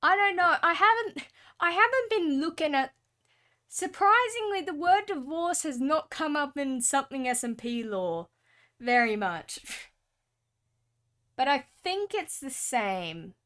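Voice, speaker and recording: A woman's voice: high-pitched, lively intonation, a little slow, bright, forceful tone. A young Australian woman with an Australian accent, chatting casually and rambling on with lots of fillers while she draws on stream. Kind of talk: casual chat while drawing.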